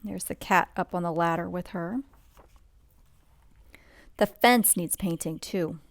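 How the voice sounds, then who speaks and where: A woman whose voice is fairly low, recorded with no room sound, does a bedtime read-along of a picture book. Unrushed and chatty, she adds asides, points out details, and asks the listener questions as she reads.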